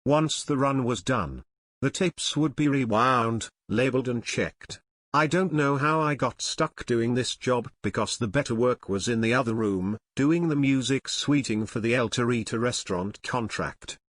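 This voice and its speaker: A man reading his own first-person memoir in a wry, deadpan storytelling manner. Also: medium pitch, measured pace, no echo, studio quality. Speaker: narrator.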